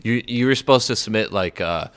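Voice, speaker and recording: A man's voice: fairly low pitch, a little fast, fairly bright tone, clean tone, dry recording. A young man hosting a podcast in a casual, laid-back way. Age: young adult. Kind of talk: casual chat.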